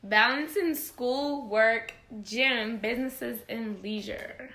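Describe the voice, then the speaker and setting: A woman's voice: a little high, slow, roomy sound. A woman co-hosting a podcast in casual chat, laughing often and telling stories with energy. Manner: laughs often, animated storytelling. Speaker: podcast co-host.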